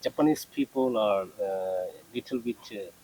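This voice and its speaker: A man hosting a video and asking a student questions in halting English full of "uh". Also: on the low side, warm tone, poor audio. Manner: halting, filler-heavy questions in non-native English. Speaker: interviewer and video host. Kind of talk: casual interview questions.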